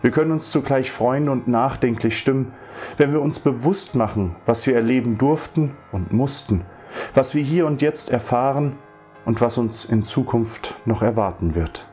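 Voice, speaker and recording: A man giving a formal spoken address to introduce a short radio play, measured and solemn in manner. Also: medium pitch, darkish tone, soft background music.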